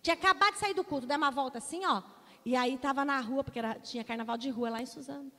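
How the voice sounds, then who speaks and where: A woman in her forties with a Brazilian accent, preaching a sermon to her congregation and telling a personal story in an animated, direct way. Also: sits high, fast. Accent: Brazilian Portuguese. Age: 40s. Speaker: pastor. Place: church hall. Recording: long hall reverb.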